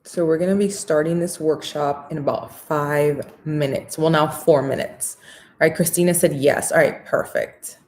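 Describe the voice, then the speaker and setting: Female American live-stream makeup host, speech through new braces, lower-than-average register, excited and slangy, chatty with viewers. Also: normal speed. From Orlando, Florida, USA. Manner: talking with new braces on her teeth; upbeat, excited, informal and slangy.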